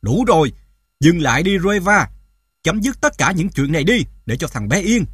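A desperate father cuts in with short, breathless pleas, as a male reader acts him out. His voice is husky and lively in pitch, recorded close and dry. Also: brisk, no room sound. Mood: pleading. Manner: short, urgent outbursts.

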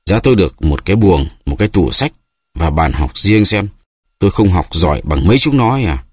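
A man's voice: low voice, animated, a little fast, slightly rough, no room sound, clean studio sound. A man voicing a young man who grumbles and makes excuses all the time. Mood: grumbling. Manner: whining, grumbling. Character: young man, forever complaining and making excuses.

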